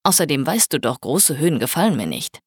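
A teasing young boyfriend, as a woman reader puts him on, with a husky, slightly breathy tone. He murmurs his lines low-key and dry, close to the mic with no room around him. An audiobook reading with plain, everyday delivery. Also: big pitch swings, a little fast, no room sound.

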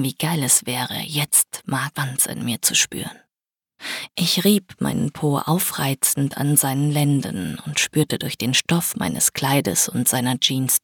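A woman reads a first-person audiobook in a steady, even storytelling manner. Her voice has a husky, slightly breathy grain. It is recorded dry and close on a studio mic, with no room sound. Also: very deep voice, dry recording. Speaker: audiobook narrator. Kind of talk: scripted first-person narration.

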